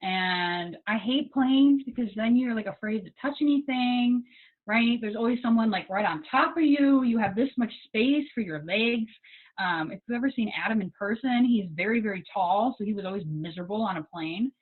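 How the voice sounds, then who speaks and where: Fairly high-pitched and speaking at a moderate pace, this young woman from the United States is visiting students as an English teaching assistant. She keeps it casual, sprinkling in plenty of likes and ums, and the video call sounds tinny, like a phone.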